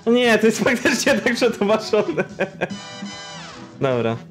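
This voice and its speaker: A man's voice: high voice, very animated, measured pace. A young man giving casual let's-play commentary, chatting and stumbling while he reads on-screen text aloud. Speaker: gaming streamer. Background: game music.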